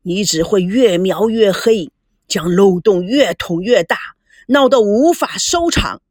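A woman voicing a stern old grandfather who heads the family and scolds slowly in a lowered voice. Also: expressive, breathy edge, no echo, clean studio sound, heavily acted. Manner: low, slow, scolding.

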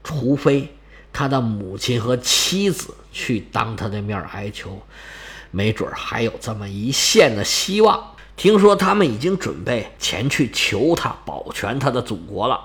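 A man's voice: mid-range voice, very animated, a bit bright, pitched below the performer's own voice. A man doing a gloomy grave Roman general. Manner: heavy, slow, resigned. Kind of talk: Chinese storytelling performance.

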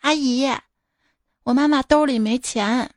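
A woman's voice: sits high, unhurried, no room sound, studio quality. A woman voicing a naive, sly little child in a childish pleading tone.

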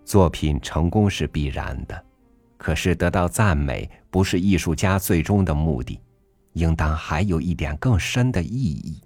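Deep husky man reading an essay. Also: animated, no room sound. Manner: measured, earnest recital with emphatic rhetorical rises. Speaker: podcast reader. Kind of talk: reading a literary essay aloud. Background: soft background music.

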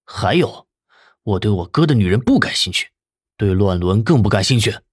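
A man's voice: fairly low pitch, animated, moderate pace, husky, dry recording, studio quality. An actor playing a cold, contemptuous young man in an audiobook drama, with an icy, scornful delivery.

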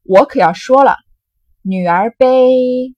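A woman reading aloud as a crude, blustering young rich man, loud and halting. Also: high-pitched, no room sound, lo-fi sound, pitched above the performer's own voice.

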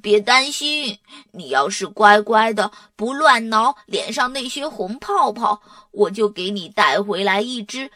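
A woman's voice: medium pitch, animated, measured pace, pushed and bright, dry recording. A woman voicing a young sick boy in a children's storybook, whiny and complaining. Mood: mocking. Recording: distant mic, dry sound.

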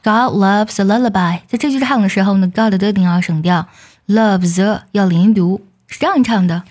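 A woman teaching English song lyrics, explaining each line patiently and singing phrases slowly to demonstrate. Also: mid-range voice, a little mellow.

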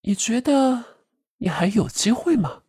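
A woman's voice: deep voice, very animated, takes it slowly, a little mellow, breathy edge, dry recording, studio quality, full character voice. A woman voicing a sinister clown puppet assassin with a distorted, eerie voice, taunting and giggling. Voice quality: distorted, eerie, ugly processed voice. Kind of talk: audiobook drama voice.

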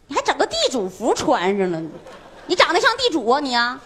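A woman with a Northeastern Chinese accent from Jilin, scolding and bossing her stage partner in quick comic banter during a live errenzhuan show. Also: high-pitched, huge pitch swings. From Jilin, China. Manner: bossy, scolding, quick-tongued. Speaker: errenzhuan comedy performer. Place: live stage before an audience. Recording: loud noisy live stage recording.

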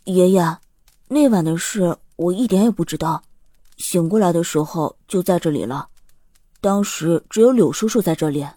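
A man doing a husky, earnest young boy. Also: high voice, lively intonation, moderate pace, warm tone, no echo, clean studio sound, pitched above the performer's own voice. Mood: troubled. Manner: earnest, raised boyish voice. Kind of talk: audiobook character voice.

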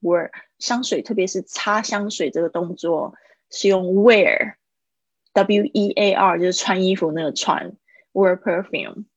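A woman's voice: mid-range voice, slow, dry recording, lo-fi sound. A woman teaching English in a live-streamed lesson, patiently explaining phrases and repeating words to drill pronunciation.

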